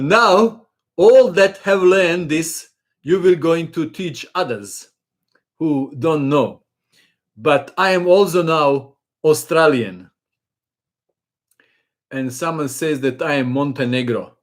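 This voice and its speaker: Male streamer, slow, raised pitch, chatty Q&A host. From Bosnia. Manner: unhurried, reads viewer comments aloud with chuckles. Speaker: chess channel host. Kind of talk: casual live-stream Q&A.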